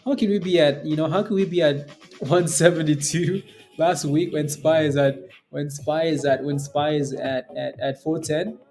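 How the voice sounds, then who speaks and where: A man's voice: fairly high pitch, fairly even intonation, moderate pace, a little mellow, soft background music. A man hosting a casual live trading stream, talking in slangy finance-bro style, blunt and exasperated, often repeating himself for emphasis. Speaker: day-trading livestream host.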